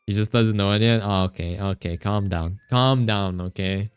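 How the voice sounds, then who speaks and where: A man's voice: lowish voice, moderate pace, clean tone, faint music behind. A man streaming a game, chatting playfully with his chat, teasing and laughing, stumbling as he reads game text aloud. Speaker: VTuber streamer. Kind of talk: casual gaming livestream chat.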